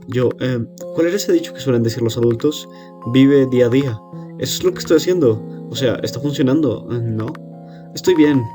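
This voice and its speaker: A man's voice: medium pitch, close to an everyday voice. [name], a man voicing a lonely little girl. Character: lonely young girl alone feeding monsters. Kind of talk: game dialogue read aloud.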